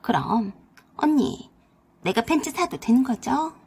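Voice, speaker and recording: A woman voicing a spoiled, greedy young sister-in-law in a storybook radio drama, talking high, loud and pushy. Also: animated, a little slow, husky, full character voice. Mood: wheedling.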